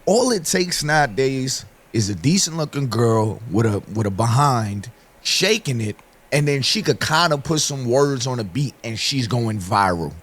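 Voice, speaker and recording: A man with a dry, slightly hoarse voice at a middle pitch talks through his opinions in a commentary video. His tone is conversational, and he keeps addressing his viewers directly. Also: lively intonation, normal speed, fairly bright tone. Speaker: online commentator.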